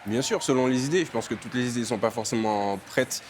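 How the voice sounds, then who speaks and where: A young entrepreneur from Martinique answers interview questions in a medium-pitched voice at a quick pace, with slight background noise. His answers are full of fillers and restarts.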